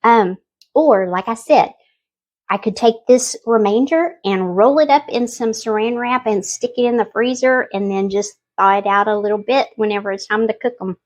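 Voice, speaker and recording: A woman's voice: a little high, normal speed, a little mellow. A woman hosting a casual cooking demonstration, chatty and homey as she talks viewers through each step. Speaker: home cooking channel host.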